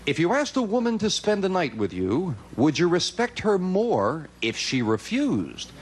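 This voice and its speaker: A man hosting a game show in an animated way, reading out questions and calling outcomes. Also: sits high, unhurried, breathy edge. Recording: noisy TV studio with loud audience. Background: studio audience crowd noise.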